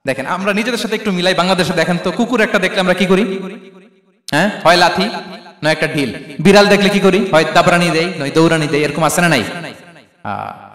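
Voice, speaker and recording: Brisk and high-pitched with a fairly bright tone, a man preaches a fervent Bengali waz sermon, firing questions at his audience. He's an Islamic preacher on a big stage, and his voice rings through the hall's long reverb.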